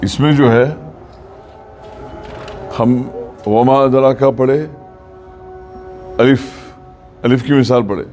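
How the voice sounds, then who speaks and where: A man's voice: medium pitch, steady tone, darkish tone, faint music behind. Man teaching Quran recitation rules. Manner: explains patiently, asks check questions, recites verses slowly. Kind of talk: classroom lesson. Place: mosque classroom.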